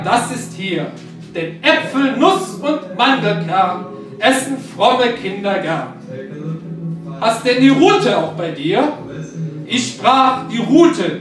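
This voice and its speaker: A man playing a kindly old Santa Claus, reciting a Christmas poem and sending a gentle greeting in a slow, solemn storytelling manner. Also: very high-pitched, heavily acted. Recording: very echoey, distant mic, music behind.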